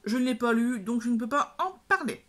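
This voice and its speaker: A woman's voice: on the high side, expressive, brisk, fairly bright tone, a little hiss or hum. A woman book vlogger in casual chat at home, rambling with lots of fillers and restarts. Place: at home, by her bed.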